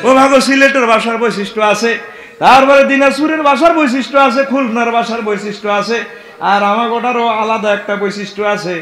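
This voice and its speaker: A man with a high, sharp voice preaches a sermon in a Noakhali Bengali accent. He speaks fervently and calls on his listeners to answer him back. The sound is echoey and roomy. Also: fast talker. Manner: fervent, calls for audience responses.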